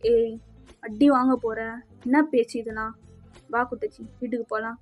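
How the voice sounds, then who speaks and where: A woman's voice: on the high side, level tone, normal speed, voice pushed down, natural voice. A woman voicing a remorseful young husband who anxiously searches for his wife and calls out to her. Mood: stern. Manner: pleading, anxious calling out. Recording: slightly dull with faint music.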